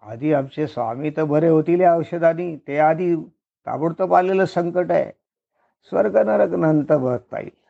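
A man's voice: a little high, unhurried, vocal fry, muffled recording. A man voicing a group of devoted village women who insist urgently.

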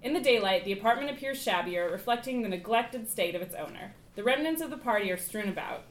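A woman's voice: medium pitch, animated, fast, roomy sound. A woman reading stage directions in a casual, amused script read-through, with occasional stumbles.

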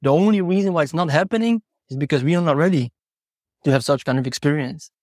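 Talking fast in a fairly high voice with a darkish tone, a horse trainer who isn't a native English speaker is interviewed on a podcast. He's reflective and earnest, explaining ideas via personal stories and rhetorical questions. The studio sound is clean, with no echo.

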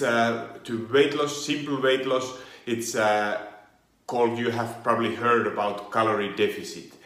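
A man with a Finnish accent, an online fitness coach explaining things in a halting way with many fillers and restarts. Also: medium pitch, fairly bright tone, echoey room. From Finland. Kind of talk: explainer monologue.

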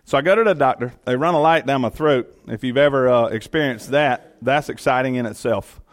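Brisk and medium-pitched, a middle-aged county commission chairman tells his personal story in an earnest, folksy way. His accent is Southern US, specifically Georgia.

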